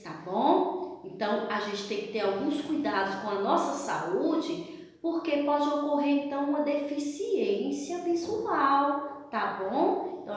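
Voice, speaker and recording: A Brazilian woman speaks slowly in a high voice, in the manner of a children's show host leading a school lesson. She coaxes young listeners with simple questions and repeats her explanations. The recording is heavily echoey and reverberant. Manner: kids show host address, coaxing with simple questions and check-ins. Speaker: primary school science teacher. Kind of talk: spoken lesson review for children.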